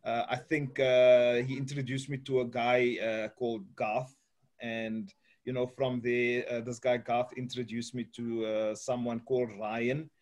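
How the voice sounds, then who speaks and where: A man's voice: mid-range voice, flat delivery, unhurried, darkish tone. A man hosting an interview over a video call from his home office, chatty and full of "uh, you know". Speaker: host. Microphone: webcam on video call.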